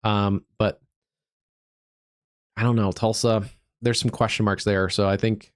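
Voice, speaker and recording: A man's voice: on the low side, little pitch movement, clear, resonant tone, no echo, clean studio sound. Stuffed-up man calling live storm radar. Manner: thinking aloud, easygoing, halting with fillers. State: stuffed up from allergies. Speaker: digital meteorologist, livestream host. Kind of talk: live severe weather stream commentary.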